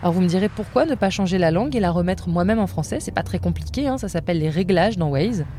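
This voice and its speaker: A woman's voice: fairly low pitch, animated, fast, background noise. A woman podcast host telling a personal story in casual narration, with a wry, self-mocking humor.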